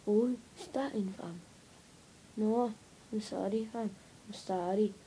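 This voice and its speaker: A woman's voice: mid-range voice, takes it slowly, mellow, slight background noise, poor audio. A woman voicing an apologetic yet scrappy, slangy character with a Welsh Valleys accent, repeating themselves as they plead.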